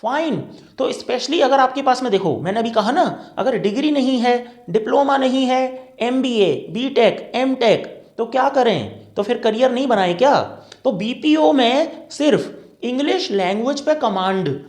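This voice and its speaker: Speaking in a very high-pitched, expressive and slightly mellow voice, an Indian-accented career trainer takes his time, patiently explaining and making sure his audience keeps up. The classroom-style talk sounds reverberant.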